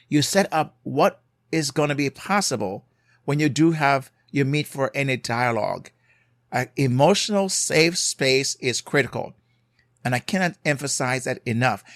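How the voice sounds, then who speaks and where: A man with a Jamaican accent hosts a solo podcast, offering earnest marriage advice, repeating key points for emphasis, and checking in with "right?". His voice is mid-range, and the recording is dry and studio quality.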